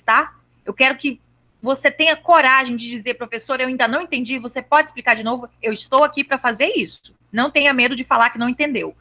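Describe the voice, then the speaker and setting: A woman teaching a live online grammar lesson over a video call, patient, repeating herself and checking that her students understood, and drawing out verb endings slowly. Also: high-pitched, sharp tone. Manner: slows down to stress verb endings.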